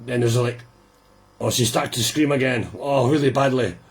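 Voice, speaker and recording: A man hosting a live listening party, chatting casually and rambling with quiet amusement as the record plays. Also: mid-range voice, steady tone, moderate pace, breathy edge.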